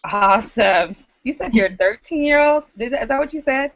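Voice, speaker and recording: A woman with a slightly high, expressive voice hosts a live online video hangout, chatting casually in an upbeat, encouraging way with quick asides. There's no echo, but the video-call microphone gives the audio a dull, lo-fi web-call quality.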